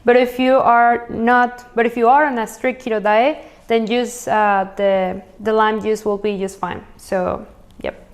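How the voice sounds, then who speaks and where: A woman's voice: a little high, little pitch movement, unhurried. A woman from Venezuela hosting a cooking video, chatting casually and listing ingredients as she prepares meals. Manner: chatty, upbeat, lists ingredients as she cooks. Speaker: cooking channel host. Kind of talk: casual recipe walkthrough.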